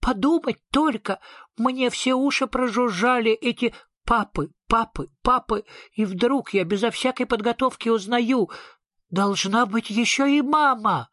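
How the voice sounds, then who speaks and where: A man voicing Sniff, a small anxious male creature from a storybook, in shrill indignant outbursts. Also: unhurried, a bit bright, no room sound, studio quality, full character voice.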